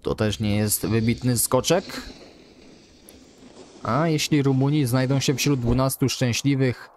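A man commentating a ski jumping game in the style of a live broadcast, calling distances and scores and getting loud and excited on good jumps. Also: mid-range voice, a little slow, slight background noise. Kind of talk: sports-style play-by-play commentary.

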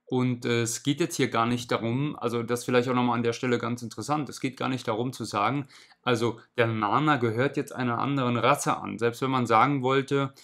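A man in his thirties at home indoors, giving a measured, explanatory reaction commentary on a video. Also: mid-range voice, fairly even intonation, a bit bright.

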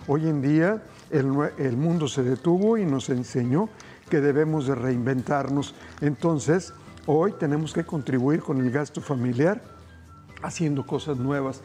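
Soft music plays behind a middle-aged cooking show host whose warm voice is a little high and unhurried. On a TV studio kitchen set, he enthusiastically addresses viewers directly while cheerfully demonstrating a recipe.

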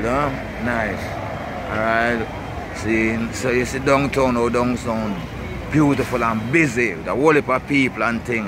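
A man with a Jamaican accent and Rasta speech gives a casual, rambling walking-tour commentary, repeating short tags as he goes. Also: medium pitch. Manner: rambling and repetitive, with tags like 'see', 'you know', 'blessed love'. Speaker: vlogger. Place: outdoors in a city park beside busy streets. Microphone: handheld camera while walking. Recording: noisy outdoor camera audio with traffic ambience.

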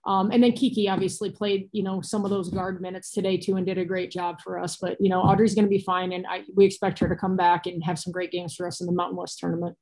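An American woman in her thirties, a basketball coach, gives matter-of-fact, colloquial answers at a postgame press conference over a video call. Her voice is on the low side and darkish, with flat delivery, fast pace, and few pauses. She's in a small indoor cinder-block room, captured on a laptop or phone, and the recording is low quality.

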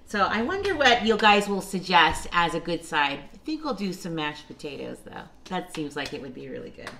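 A woman's voice: fairly low pitch, sing-song, normal speed, sharp tone, slight background noise. A middle-aged woman chatting through a home cooking vlog, narrating each step and asking questions as she goes. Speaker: vlogger. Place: home kitchen and backyard patio. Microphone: handheld phone camera.

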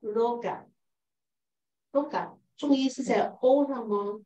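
A woman student speaks slowly over a video call. She reads each word with care. She asks questions about where the stress falls. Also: a little high, mellow. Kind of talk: reading words aloud in class.

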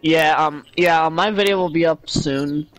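Slow-talking giggly guy gaming. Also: fairly high pitch, a bit bright, soft background music. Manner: giggly, rambling with many fillers. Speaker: co-player. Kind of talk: casual game chat on a call.

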